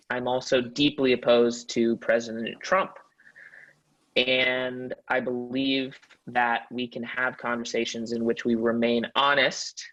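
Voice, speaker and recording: A male podcast host speaks earnestly and in measured phrases, his voice in a middle register. The audio is somewhat dull and lo-fi, lacking crisp top end. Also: medium pitch, fairly bright tone. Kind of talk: interview hosting.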